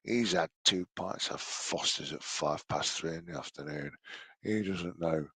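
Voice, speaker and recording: A man's voice: low-pitched, measured pace, a bit bright, husky, no echo. An English man in his late forties giving mocking reaction commentary, sarcastic and sweary. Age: late 40s.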